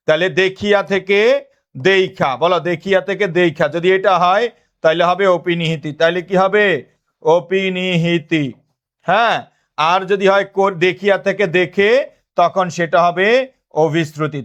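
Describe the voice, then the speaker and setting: A man from Bangladesh teaching an online class, asking the students questions and answering them himself, dictating notes slowly and repeating phrases. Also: high voice, a bit bright. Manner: repetitive call-and-response questioning.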